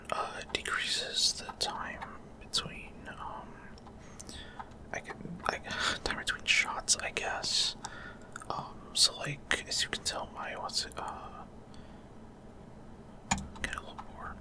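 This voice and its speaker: A male gaming video creator whispers the whole way through, breathy, offering halting, off-the-cuff explanations in short phrases as ASMR gameplay commentary.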